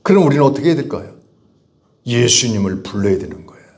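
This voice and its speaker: A man preaching as a pastor, with rhetorical questions, emphatic repetition, and sudden swings from loud pleading to low, quiet asides. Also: very animated, fast. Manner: bursts out to dramatize cries, then drops low. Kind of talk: sermon.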